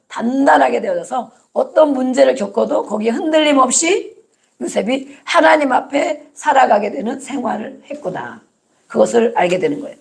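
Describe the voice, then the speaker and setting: Gravelly-voiced woman pastor preaching. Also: fairly high pitch. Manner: emphatic, repeats key words, acts out short quotes. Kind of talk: sermon.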